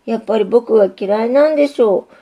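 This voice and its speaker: A woman's voice: on the high side, brisk, muffled recording, voice pushed up, lightly acted. A woman voicing an earnest, lovesick young male railway signal in a storybook reading, pleading and eager. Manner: pleading, eager, repeats himself.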